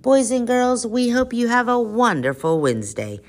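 A woman's voice: fairly high pitch, moderate pace. A woman hosting school announcements in the manner of a kids show host, exclamatory and talking straight to children. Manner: animated, exclamatory, talks to children.

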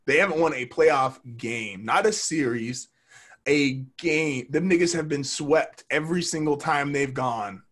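A man co-hosting a casual podcast, ranting and swearing in excited bursts. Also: on the high side, a little slow. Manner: animated, swearing, rants in bursts. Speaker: podcast co-host. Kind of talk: casual chat.

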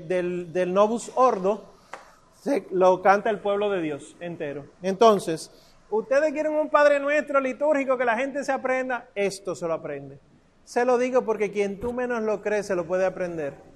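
A man's voice: high voice, lively intonation, a little slow. A man teaching a congregation to chant, patiently coaching their pronunciation syllable by syllable. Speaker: liturgical chant instructor.

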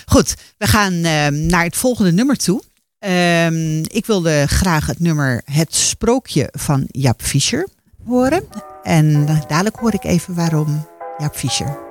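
A man's voice: fairly high pitch, lively intonation, slow, soft background music. A man hosting a radio show, chatting enthusiastically with a guest and introducing songs. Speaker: radio host. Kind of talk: casual radio chat.

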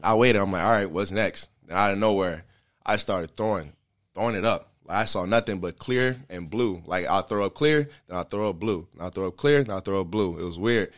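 A man's voice: low-pitched, a little fast. A man candidly telling a personal story in a casual interview, earnest and slangy, with loose fillers.

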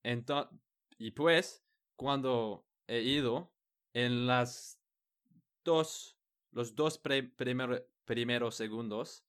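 Slow, hesitant man searching for words. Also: medium pitch, a bit bright, smooth. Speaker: conversation partner. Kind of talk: casual chat in a learned language.

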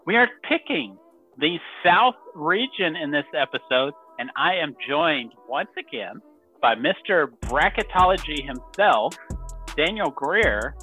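A man's voice: a little high, very animated, unhurried, bright, forceful tone, soft background music. A man hosting a casual sports betting podcast, upbeat and chatty, laughing often. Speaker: podcast host.

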